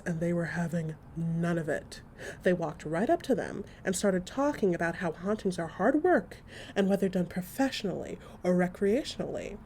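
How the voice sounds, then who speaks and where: In a comic audio drama monologue, a woman plays a chatty, excitable gossip telling stories to a friend with theatrical emphasis. Her voice is fairly low and only lightly acted, with a little hiss or hum in the background.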